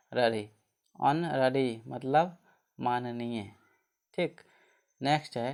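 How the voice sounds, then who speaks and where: A man gives a pronunciation lesson at an unhurried, deliberate pace. He spells out each word letter by letter, then says it again slowly. He poses questions to the class and answers them himself. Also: mid-range voice, gravelly, a little mellow, smooth. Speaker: teacher.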